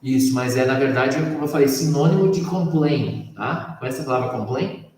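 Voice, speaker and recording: A man's voice: medium pitch, moderate pace, darkish tone. A man with a Brazilian Portuguese accent gives a one-on-one English lesson. He switches between Portuguese and English, explains patiently and keeps checking that his student follows along. He is recorded from a distance in a very echoey room with a long reverb tail. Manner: explains patiently, checks understanding with frequent tag questions. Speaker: English teacher.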